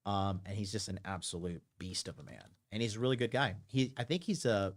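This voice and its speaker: A man's voice: lowish voice, fairly quick. A man in his late thirties hosting a call-in advice show, emphatic and repetitive, often checking in with "okay". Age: 30s. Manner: emphatic, repeats himself, says okay a lot. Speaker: call-in show host and dating coach. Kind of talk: casual call-in advice talk.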